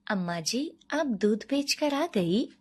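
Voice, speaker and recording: A woman voicing a calm, motherly magical cow in a cartoon story, speaking low and softly. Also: slow pace, husky, full character voice. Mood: soothing.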